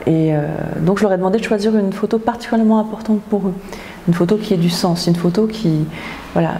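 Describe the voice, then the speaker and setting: A woman from France, an author, speaking thoughtfully in an interview, pausing often with filler sounds. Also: mid-range voice, warm tone, slight background noise. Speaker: author in residence. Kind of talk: reflective interview talk. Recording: echoey hall with faint ambience.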